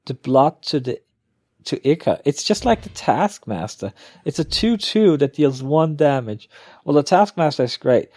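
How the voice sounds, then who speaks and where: A man's voice: fairly high pitch, expressive, unhurried, a little mellow, no room sound. A man giving casual, off-the-cuff commentary as a gamer, thinking aloud and often trailing off. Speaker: gamer opening card packs.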